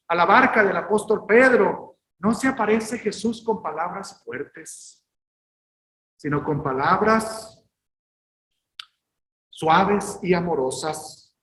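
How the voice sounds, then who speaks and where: A male pastor delivers a sermon in slow, deliberate phrases, pressing his points with emphasis and now and then rising to a shout. His voice echoes around a roomy space. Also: sits high. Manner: emphatic, rises to shouted exhortations.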